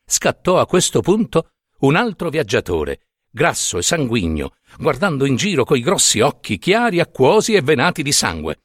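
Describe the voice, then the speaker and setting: A man reading a story aloud with expressive delivery. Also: mid-range voice, normal speed, dry recording, clean studio sound. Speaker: reader.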